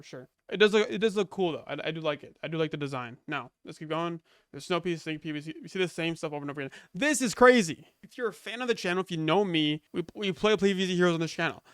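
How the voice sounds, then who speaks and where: In a studio-quality recording with no room sound, a young man who is recovering from a cold reviews game leaks for his gaming YouTube channel. His voice is fairly high, bright and smooth, and he rambles casually, restarting often and filling gaps with fillers.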